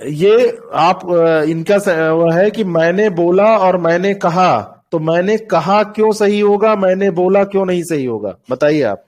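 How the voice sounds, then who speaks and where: Man, high-pitched voice, teacher, online class, patient explanations, repeated examples, call mic. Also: a little slow, hardly any pauses, a little mellow. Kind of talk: online doubt-clearing class.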